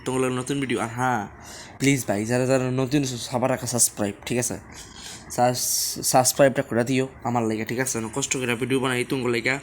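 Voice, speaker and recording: A man hosting a casual gaming channel, chatty and repetitive, keeping his voice low on purpose. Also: steady tone, fast, slight background noise. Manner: chatty, repetitive, keeps asking viewers to subscribe; talks softly on purpose. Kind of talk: casual gameplay commentary.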